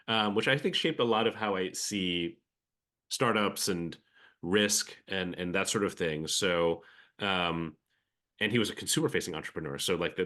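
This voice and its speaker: A man in his forties, born in the Philippines but speaking with an American accent, appears as a venture capital guest on a conversational interview podcast. His voice sits on the low side, bright and forceful. He reflects aloud, with plenty of fillers and restarts.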